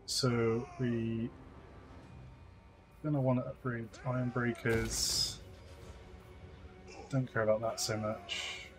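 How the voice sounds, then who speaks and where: A man's voice: medium pitch, slow, pauses often, rough recording. Man casually commentating his strategy game. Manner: relaxed, thinking aloud while playing. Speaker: gaming channel host. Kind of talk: casual multiplayer gameplay commentary. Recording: game music playing behind.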